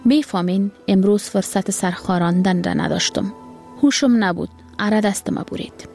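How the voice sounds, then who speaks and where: Brief: woman as a sorrowful poor father in a storybook, gravelly, light music behind. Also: medium pitch, darkish tone, close to an everyday voice. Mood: weary. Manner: tired and sorrowful. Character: weary poor carpenter father, grieving.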